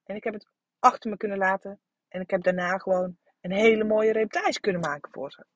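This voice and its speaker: A woman's voice: medium pitch, fast talker, dry recording. A woman in her thirties hosting a solo podcast, talking frankly and coaching her listeners, swearing casually, with many fillers and restarts. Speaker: podcast host. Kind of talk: candid solo podcast monologue.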